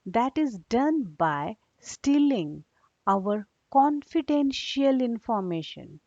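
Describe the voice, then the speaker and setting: A woman teacher with a sing-song, darkish voice takes a young class through a read-aloud at a slow, measured pace. She restates terms in simple language and tests understanding with short questions. The sound is dull and low in fidelity, with no echo.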